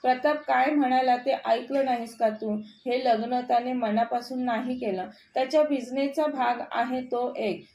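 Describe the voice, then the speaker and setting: A woman's voice: high voice, steady tone, normal speed, hardly any pauses, dark tone. A woman voicing a proud, scheming middle-aged mother who speaks with scorn, in an echoey room. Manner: scornful and controlling.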